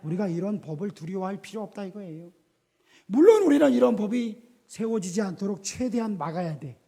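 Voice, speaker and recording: A male pastor preaching a lively sermon in a church, asking the congregation questions and acting out the people he quotes. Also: sits high, brisk, vocal fry. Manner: animated, asks the congregation rhetorical questions; acts out quoted voices within the sermon.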